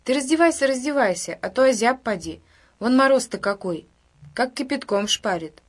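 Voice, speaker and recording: A woman voicing a lonely young village woman of twenty-three, speaking softly and coaxingly. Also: on the high side, expressive, moderate pace, voice pushed up. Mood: tender. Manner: soft, hushed and coaxing.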